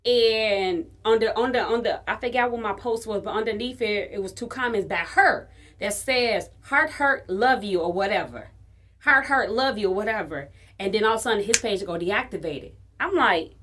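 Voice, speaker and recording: Woman podcast co-host from Chicago, profane, animated storyteller, higher, bright voice. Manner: animated, profane, acts out quoted dialogue. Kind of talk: casual storytelling chat.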